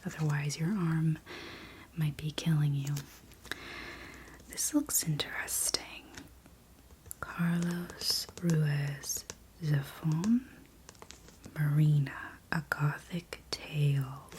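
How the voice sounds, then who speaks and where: A woman in a whispered role-play as a library clerk, speaking in a soft, breathy library whisper with gentle customer-service manner. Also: low voice, fairly even intonation, slow, long pauses, slight background noise, low-quality recording. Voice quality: breathy, mostly unvoiced whisper. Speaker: ASMR performer playing a library clerk.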